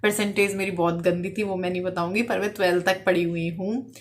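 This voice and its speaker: A woman's voice: lowish voice, steady tone. A woman in her thirties, a vlogger from India, answering viewer questions in a frank, casual way. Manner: frank, talks quickly at times. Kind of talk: casual Q&A chat.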